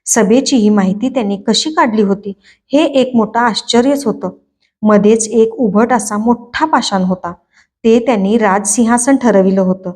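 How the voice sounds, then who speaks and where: A woman hosting a book reading channel, narrating a novel in a clear, expressive storytelling manner. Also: mid-range voice. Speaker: book reader.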